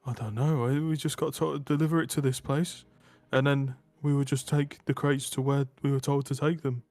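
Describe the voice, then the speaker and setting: A man's voice: medium pitch, level tone, fairly quick, a little mellow, no echo, close to an everyday voice. A man playing a captured, crude dock guard who swears and pleads defensively in a tabletop game. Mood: evasive.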